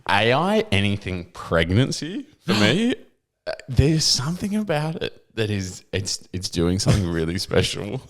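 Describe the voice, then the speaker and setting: A young man co-hosting a comedy podcast in a fairly low voice that still swings widely in pitch. He riffs playfully and improvises jokes in casual back-and-forth chat. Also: huge pitch swings, unhurried. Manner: playful riffing, improvises bits in character. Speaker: podcast co-host.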